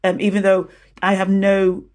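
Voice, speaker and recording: Earnest woman activist speaking in halting phrases. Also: mid-range voice, monotone, darkish tone. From South Sudan. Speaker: guest, teacher and community activist. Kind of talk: conversational interview answer.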